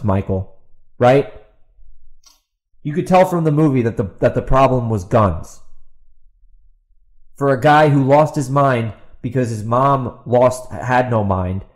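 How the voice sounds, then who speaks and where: A medium-pitched, slightly mellow male voice belongs to a podcast host and author ranting off the cuff. He comes across as exasperated and sarcastic, leaning on emphatic repetition and rhetorical questions aimed at an opponent who isn't present.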